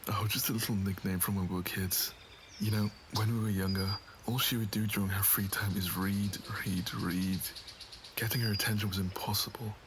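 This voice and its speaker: Low-voiced suave noble lord, played by a man. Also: fairly even intonation, moderate pace, background noise, natural voice. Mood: teasing, familiar. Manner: courtly, formal, knowing. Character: suave noble lord, old friend, smooth and needling. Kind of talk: ASMR romance roleplay.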